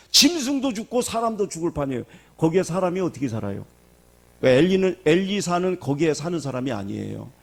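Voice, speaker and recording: A man's voice: a little high, gravelly. A middle-aged male pastor preaching a sermon in a church, asking the congregation questions as he goes. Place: church sanctuary.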